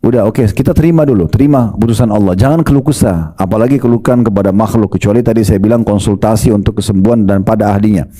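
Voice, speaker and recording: Male preacher, very warm mellow voice, lively storytelling sermon to the congregation. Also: on the low side, fast, hardly any pauses. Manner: lively, retells stories and addresses the congregation.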